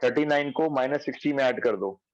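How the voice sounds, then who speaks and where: A man teaching a math class online from home, working through each step aloud and stopping to check that his students follow. His voice sits at a middling pitch. The sound is dry and dull, like a lo-fi recording. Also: a little fast, no echo. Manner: explains step by step, checks understanding.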